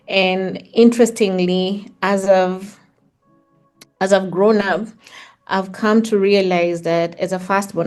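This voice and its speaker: A middle-aged woman with a Kenyan accent reflects on her life as an interview guest, telling personal stories in conversation. Her voice is on the low side with a darkish tone.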